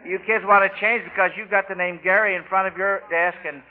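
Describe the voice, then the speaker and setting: This American man's fairly quick, steady voice sits high as he runs an old-time radio quiz for children. Folksy and halting, he chuckles and tends to say things twice, heard through a narrow-band vintage broadcast.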